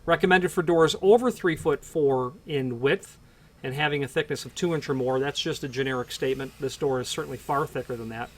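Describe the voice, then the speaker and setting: A hardware product presenter, a man with a medium-pitched voice, talks a little fast as he explains door hardware without a script. His sentences are loose, keep restarting, and are packed with fillers.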